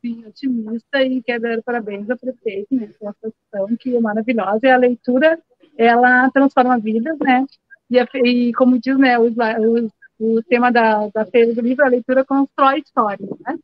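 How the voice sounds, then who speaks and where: Woman in her forties, librarian, high voice, dry close handheld mic, lo-fi. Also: steady tone, normal speed, dry recording. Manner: warm, fills with "né". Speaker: librarian and storyteller. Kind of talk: interview answers. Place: book stall in a tent. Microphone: reporter's handheld mic.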